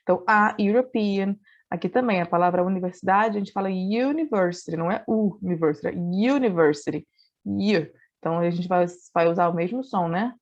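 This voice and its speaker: Brazilian Portuguese woman teaching English. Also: mid-range voice. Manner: patient explaining with frequent "né?" and "então". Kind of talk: recorded online class. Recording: dull lo-fi recording.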